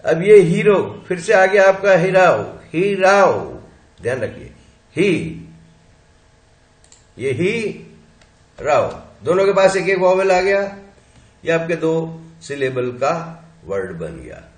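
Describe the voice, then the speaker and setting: A male teacher lecturing on pronunciation with a lively, swinging pitch. He talks slowly and carefully, sounding out each syllable as he counts them. The room around him sounds echoey. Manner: slow and explanatory, spelling out sounds and counting syllables. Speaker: linguistics teacher. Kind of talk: classroom lecture.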